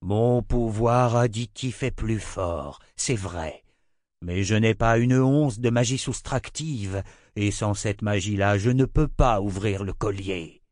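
Man playing an old prophet, slow, low, weary, fatherly, dry close sound. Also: darkish tone, dry recording. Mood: grave, weary.

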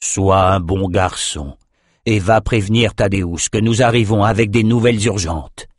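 A man voicing a grave, weary wizard who speaks slowly and deliberately. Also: no echo, clean studio sound. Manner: slow, low and deliberate.

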